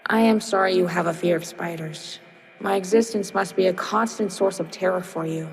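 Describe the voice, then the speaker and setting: A woman voicing a giant female spider, a sadistic predator who taunts and mocks in a creaky, menacing way. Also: on the low side, normal speed, pitched below the performer's own voice, low-quality recording. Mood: mock sympathy. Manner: taunting, condescending.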